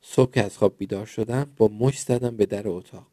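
A man narrates children's stories in a gentle, expressive reading voice. His tone is mellow and dark, recorded close in a dry room with no echo. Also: lowish voice. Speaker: storyteller.

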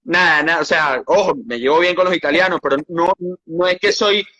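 High bright Venezuelan man telling stories. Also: a little fast. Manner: animated storytelling with frequent restarts. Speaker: sports journalist interviewee. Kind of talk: casual interview chat.

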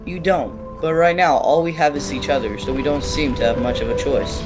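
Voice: mid-range voice, fairly even intonation, brisk, close to an everyday voice. An actor playing an urgent, pragmatic pirate crewmate in an audio drama. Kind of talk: theatrical audio drama acting. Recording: music behind the voice.

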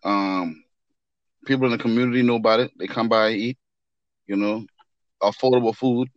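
A man's voice: fairly low pitch, fairly even intonation, moderate pace, no echo, dull audio. A man with a Charleston Gullah Geechee accent, chatting casually as a podcast co-host in colloquial phrases that he repeats for emphasis. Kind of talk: casual chat.

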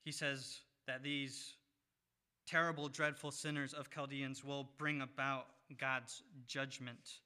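A man preaching a sermon, reading scripture in a measured way with pauses. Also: mid-range voice, little pitch movement, bright, forceful tone, clean tone.

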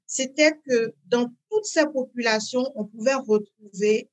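A woman, talking as an interview guest in a hesitant way, with many fillers and repeats, then bursts of lively emphasis. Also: on the high side, a little slow. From Benin. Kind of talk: conversational interview.

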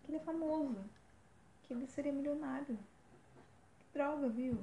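A woman's voice: high voice, moderate pace, warm tone, roomy sound, a little hiss or hum. A young woman co-hosting a podcast, chatting casually and reading out facts. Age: young adult. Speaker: podcast co-host. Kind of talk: casual chat.

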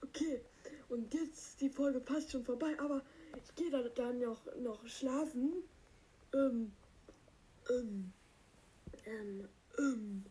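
A man's voice: very high voice, dark tone, poor audio. Spike, a goofy cactus through a voice changer, played by a man. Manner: rambling, silly, slow, halting with many fillers. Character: dim-witted green male cactus creature. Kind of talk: comic character monologue.

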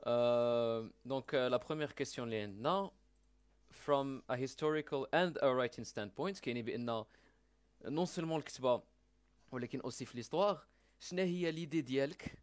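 A man's voice: medium pitch, brisk, dry recording. A man with a Moroccan accent asking questions casually and hesitantly, mixing Arabic with French. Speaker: discussion participant asking questions. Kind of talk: casual interviewing. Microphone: online call microphone.

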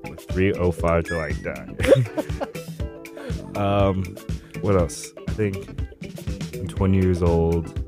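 A twenty-year-old man from Miami answers interview questions in a casual, halting way and keeps reaching for words. His voice is very deep. Guitar music plays clearly behind him. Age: 20s. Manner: hesitant, many fillers and "like"s.

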